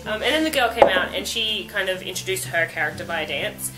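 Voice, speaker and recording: A woman's voice: medium pitch, lively intonation, a little fast, loud music behind the voice, rough recording. A woman co-hosting a review in casual, chatty banter. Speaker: co-host reviewing a dance show.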